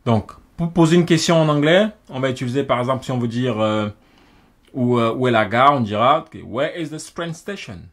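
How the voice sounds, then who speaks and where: Guy going through english phrases slowly, says each one twice, normal pitch. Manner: repeats each phrase in both languages, slows down for the English. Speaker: English teacher. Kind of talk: French-language English lesson, phrase by phrase.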